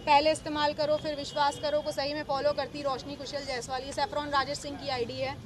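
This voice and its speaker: A woman's voice: high voice, flat delivery, fairly quick, a crowd in the background. A woman in her thirties, a local politician, speaking emphatically and accusingly to reporters outdoors on a city street. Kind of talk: street press interview.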